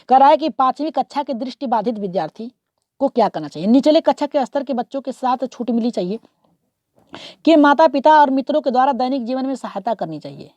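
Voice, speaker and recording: A woman's voice: fairly high pitch, warm tone, dry recording, highs cut off. A woman teaching an online exam-prep lesson, working through multiple-choice questions. She keeps asking rhetorical questions, repeats "okay" often and urges viewers to comment and subscribe.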